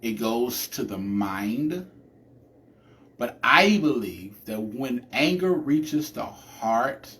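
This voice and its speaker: A man hosting a live podcast, talking through a chatty, animated monologue with a preacher-like cadence and lots of restarts. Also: fairly low pitch. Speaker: podcast host.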